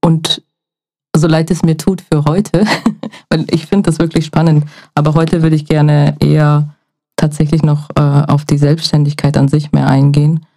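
A podcast host asks the guest questions in a flat, even tone. The voice is mellow and mid-pitched. The delivery is measured, with the occasional filler. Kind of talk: casual interview questions.

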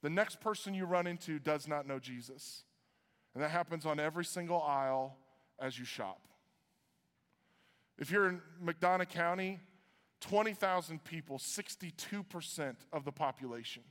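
A man from Iowa preaching a sermon as pastor, conversational with joking asides. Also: normal speed. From Iowa, USA. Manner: conversational, joking asides, lively swings in pitch. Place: church auditorium. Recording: reverberant church hall.

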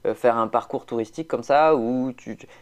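A man's voice: mid-range voice, brisk. A man, chatting casually as a podcast co-host, rambling with lots of fillers and restarts. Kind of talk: casual chat.

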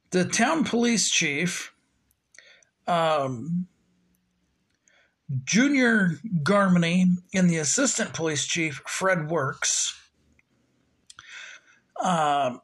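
A man's voice: sits high, animated, very slow, long pauses, fairly bright tone, slightly rough. A man hosting his own podcast, chatting in a loose, rambling way with plenty of fillers. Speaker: podcast host. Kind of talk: casual solo podcast talk.

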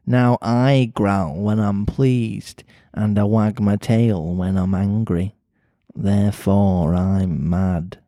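A man voicing a slow, sly, grinning male cat with a Mancunian accent, low and drawling. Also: steady tone, dark tone, no room sound, studio quality.

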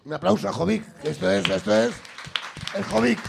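A man hosting a podcast in casual chat, animated and jokey, with a gravelly, husky voice. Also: sits high, brisk, crowd noise, background noise. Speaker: podcast host.

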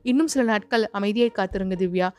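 A woman voicing Rajan, a calm secretive man. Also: mid-range voice, a little fast, soft background music, natural voice.

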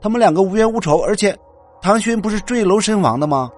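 An upright young man, voiced by a male narrator, protests in loud, high outbursts. The voice is husky and lively in pitch. Faint music runs underneath. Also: a little fast, exaggerated voice. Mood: indignant.

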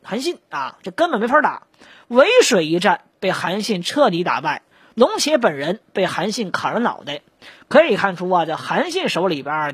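Woman history storyteller, colloquial and joking, husky, dry. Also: mid-range voice, no echo. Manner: lively, joking, conversational.

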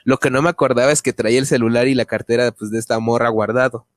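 A man's voice: medium pitch, steady tone, fast, no room sound, clean studio sound. A young adult man with a Mexican accent, co-hosting a casual chat and telling a personal story, full of slang and swearing. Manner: slangy, swears freely, acts out quoted voices. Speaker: podcast co-host.

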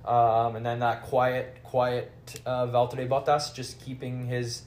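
A man talks through a race recap in a casual podcast chat, his pitch staying flat and even as he leans on "like" and "kind of". The room is echoey, with a faint hiss underneath. He sounds relaxed and conversational. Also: measured pace. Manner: filler-heavy, hedging with "like" and "kind of". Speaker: podcast host. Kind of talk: casual chat about motor racing.

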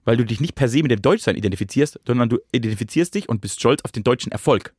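A man's voice: mid-range voice, animated, fast, a little mellow, husky, no echo, studio quality. A man co-hosting a podcast in a casual chat, reasoning things out at length with restarts. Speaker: podcast co-host.

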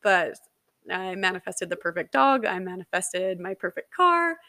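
Young woman podcast host, casual and giggly, mid-pitched, dry booth-like sound. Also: big pitch swings, normal speed, bright, forceful tone, no room sound. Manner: chatty and giggly, filler-heavy. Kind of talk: casual storytelling monologue.

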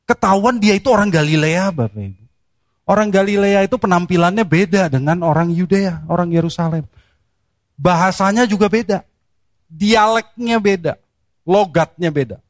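Male preacher, sermon delivery, animated and emphatic, close and dry. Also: high voice, normal speed, dry recording. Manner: animated, with rhetorical questions and sharp emphasis.

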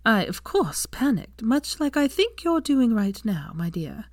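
A woman voicing the kindly old noblewoman in an ancestral portrait, telling a story gently. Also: on the high side, sing-song, measured pace, no echo, studio quality, pitched above the performer's own voice.

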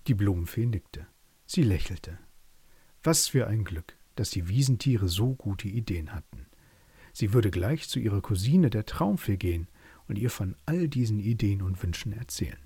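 A man narrating a bedtime story calmly and gently. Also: lowish voice, normal speed, husky, dry recording.

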